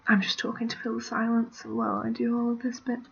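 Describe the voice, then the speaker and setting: This art tutorial creator, a British woman, rambles casually while drawing and frequently trails off into whispers and muttering. Her fairly high, slightly bright voice has vocal fry, little pitch movement and a quick pace, and the computer mic at her family home gives dull audio with slight background noise.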